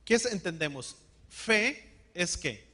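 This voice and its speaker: Man preaching a slow, emphatic sermon. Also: high-pitched, animated, sharp tone, breathy edge. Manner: call-and-response, has the congregation repeat words; slows and stresses key words. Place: church hall.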